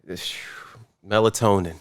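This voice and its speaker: A man of thirty-seven co-hosting a podcast, talking in a relaxed, casual way with slang and supportive back-and-forth. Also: lowish voice, unhurried. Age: 30s. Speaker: podcast co-host. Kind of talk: casual chat.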